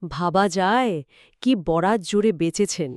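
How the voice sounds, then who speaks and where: A woman's voice: lowish voice, lively intonation, unhurried, a little mellow, smooth, no echo, studio quality. A woman co-hosting a scripted history conversation, filling in story details and reacting with brief agreement. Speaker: co-host. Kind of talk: scripted two-host history chat.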